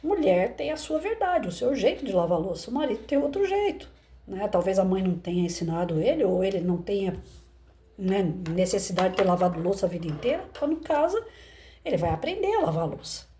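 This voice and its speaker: Mellow-voiced Brazilian woman educator. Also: mid-range voice, big pitch swings, a little fast, a little hiss or hum. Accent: Brazilian Portuguese. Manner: conversational, explains with rhetorical questions. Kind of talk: reflective commentary on a parable.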